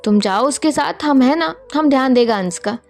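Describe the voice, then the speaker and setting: A woman's voice: high-pitched, animated, moderate pace, faint music behind. A woman voicing a fond, teasing middle-aged aunty who speaks in broken grammar. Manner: broken grammar, says "hum" for I.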